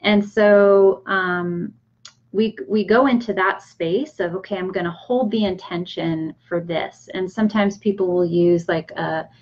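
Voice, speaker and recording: A woman coach explaining manifesting in a casual, unhurried talk, with many fillers and restarts. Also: lowish voice, steady tone, highs cut off. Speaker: energy coach.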